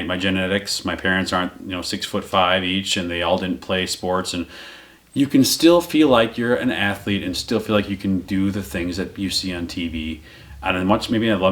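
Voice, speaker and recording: A man's voice: sits low, a bit bright. A man in his thirties, a teacher co-hosting a casual golf podcast at a friend's house, rambling with restarts. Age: 30s. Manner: rambling, restarts and laughs often. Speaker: podcast co-host. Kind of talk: casual chat.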